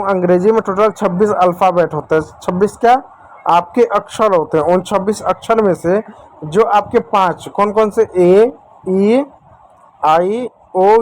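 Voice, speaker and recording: A man teaching a spelling lesson at a whiteboard, patient and repetitive, talking to viewers as children and friends. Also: sits high. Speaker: English teacher.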